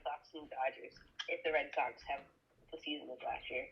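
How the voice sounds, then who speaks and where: A co-host in a casual sports chat who gives quick, offhand replies. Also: medium pitch, steady tone, creaky, husky, lo-fi sound.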